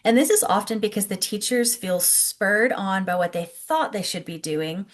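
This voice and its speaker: A woman presenting scripted teaching tips as an early childhood educator, explaining clearly and encouragingly and speaking directly to the listener. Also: mid-range voice, normal speed. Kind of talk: instructional presentation, scripted narration to camera.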